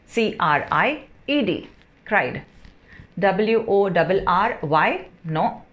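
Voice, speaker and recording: A woman teaching English verb pronunciation, spelling words out slowly and often checking with a rising "theek hai?". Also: mid-range voice, lo-fi sound. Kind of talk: spoken lesson, spelling words letter by letter.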